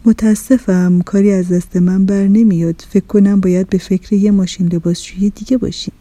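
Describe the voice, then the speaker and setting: A woman's voice: medium pitch, fairly even intonation, mellow, no echo, pitched below the performer's own voice, close to an everyday voice. A woman voicing a male repairman who apologetically gives bad news. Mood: apologetic. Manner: apologetic, matter-of-fact.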